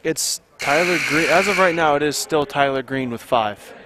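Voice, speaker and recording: A man giving color commentary at a high school basketball game, speaking hesitantly with frequent restarts. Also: normal speed, heavy background noise. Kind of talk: casual sports commentary. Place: school gym.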